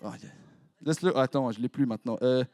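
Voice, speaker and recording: A young man with a Swiss French accent, preaching as a youth pastor in a lively, joking way, quizzing his congregation. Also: mid-range voice, dry recording. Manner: playful, jokey, quick asides to the crowd. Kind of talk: lively sermon with audience interaction. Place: church hall before a congregation.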